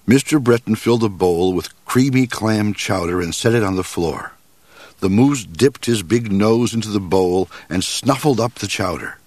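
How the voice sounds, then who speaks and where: Storybook reader, man, low husky voice, very lively intonation. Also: no echo. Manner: expressive, measured reading. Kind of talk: reading a children's storybook aloud.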